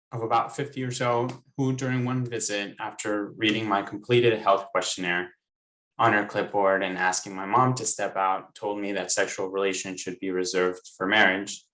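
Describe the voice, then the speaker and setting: Low-voiced young man reading aloud. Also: fairly bright tone, poor audio. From United States (raised in Maryland). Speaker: panel speaker and author. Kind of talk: online panel talk, then reading a book excerpt aloud.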